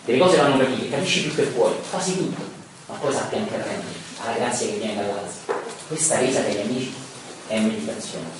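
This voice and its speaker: A man lecturing in a big, very echoey room, caught from well back with faint hiss behind him. He is enthusiastic, leans on asides to the audience, and slows down to declaim verses with weight. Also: fairly low pitch, expressive, recorded from a distance. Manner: enthusiastic, rhetorical asides, reads verses slowly and emphatically. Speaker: lecturer on Dante. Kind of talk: live lecture with readings. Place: lecture room, recorded from afar.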